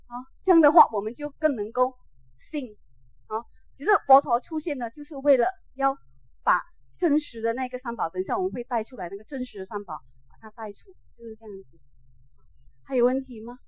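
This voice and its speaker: A woman's voice: on the high side, brisk. A woman teaching a class on Buddhism. She talks conversationally, with many filler sounds, and keeps checking whether her listeners understand. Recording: dull, dry lo-fi recording.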